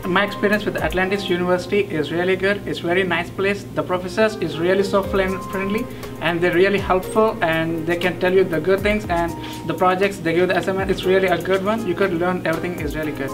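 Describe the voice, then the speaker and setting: Quick-talking young Indian man. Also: high-pitched, fairly even intonation. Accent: Indian English. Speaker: graduate. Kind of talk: testimonial interview. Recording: background music.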